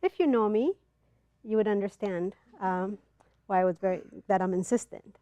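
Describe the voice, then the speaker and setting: Middle-aged woman from ethiopia telling a story to a crowd, earnest, halting, lots of ums, dry close sound. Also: medium pitch, dark tone, no echo. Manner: earnest, halting delivery with pauses and fillers. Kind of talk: personal storytelling to a live audience. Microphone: clip-on mic, not in front of the face.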